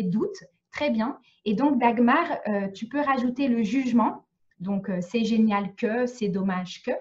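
A woman's voice: a little high, a little mellow, highs cut off. A woman from France teaching French in a live online lesson, explaining patiently and checking often that students follow. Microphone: video call.

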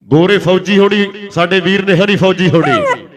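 High-pitched urgent kabaddi commentator man. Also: huge pitch swings, moderate pace. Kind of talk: live rural sports commentary. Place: outdoor village kabaddi ground.

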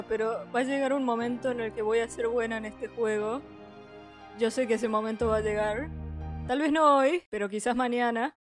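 Young woman, Argentine accent, high-pitched, frantic let's play chatter, faint music behind. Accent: Argentine Spanish. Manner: frantic, swearing, pleading with the game. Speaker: gaming youtuber.

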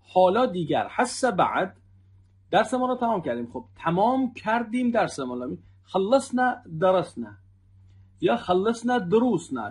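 A man's voice: sits high, vocal fry, husky. A man teaching spoken Arabic in an online lesson, who repeats phrases and keeps addressing the viewers as friends. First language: Persian.

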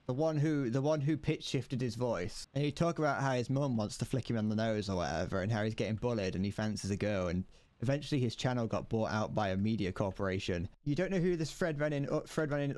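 A young man from the UK streams games, offering casual, rambling commentary full of profane jokes while he plays. His voice sits in the mid-range and is a little mellow.

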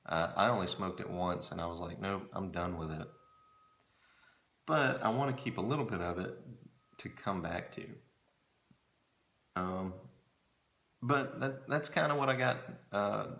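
A middle-aged man chatting casually to camera in a musing, hesitant way, often pausing mid-thought, recorded in a small room at home. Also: low voice, gravelly, a bit bright. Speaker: pipe-smoking hobbyist reviewing tobacco blends. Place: small home storage room with shelves, indoors. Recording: roomy echo from camera mic.

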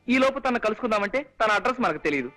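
A man's voice: sits high, expressive, very fast, sharp tone, faint music behind, low-quality recording. An actor playing a cheeky, scheming young man with a wheedling comic way of talking.

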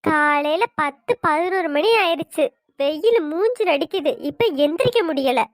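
A woman's voice: high-pitched, normal speed, no echo, lightly acted. A woman voicing a nagging, scolding middle-aged mother-in-law in a family cartoon. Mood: grumbling. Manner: complaining, scolding.

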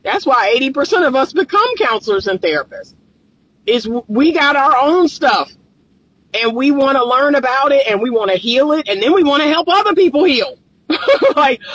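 A woman in her fifties speaks from the driver's seat of a car, recorded on a dashboard phone. Her voice sits high and sounds bright and forceful. She talks like a counselor lecturing her followers, hammering points home by repeating them. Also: lively intonation, moderate pace, low-quality recording. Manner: emphatic, preachy, repeats phrases for stress. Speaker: relationship coach and counselor. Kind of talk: casual talking-head vlog. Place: inside a parked car. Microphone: phone camera on the dashboard.

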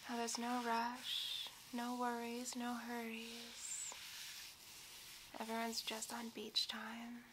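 A woman whispering softly and slowly in an ASMR video, with tapping sounds on a coconut. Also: a little high, monotone, background noise. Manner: soft whispering, slow and soothing. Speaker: ASMR creator. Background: tapping and rubbing on a coconut.

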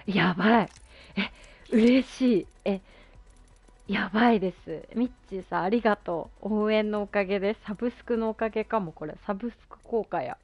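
A woman's voice: medium pitch, normal speed, no room sound, highs cut off, soft background music. A woman chatting casually on a gaming stream, gushing in youthful slang and exclamations. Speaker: game streamer. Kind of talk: excited casual live-stream chat while gaming.

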